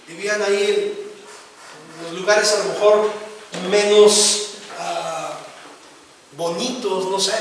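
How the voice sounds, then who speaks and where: A man's voice: sits high, a bit bright. A man preaching a sermon emphatically in a church, with rhetorical questions and frequent calls of amen. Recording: echoey hall, distant mic, faint noise.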